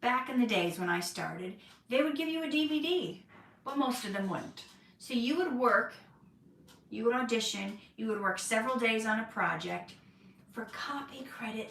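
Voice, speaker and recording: In a relaxed livestream Q&A, an actress speaks frankly and laughs easily between answers. Her medium-pitched voice is creaky and fairly bright. She's recorded from a distance, off-mic, and the room adds a roomy echo.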